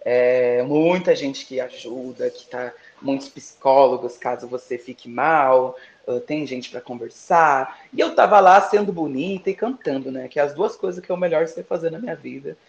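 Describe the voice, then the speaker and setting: A man's voice: medium pitch, fairly even intonation, normal speed. A man, a drag queen guest, chatting playfully in campy slang about competing. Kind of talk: casual interview chat. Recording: roomy, dull lo-fi sound.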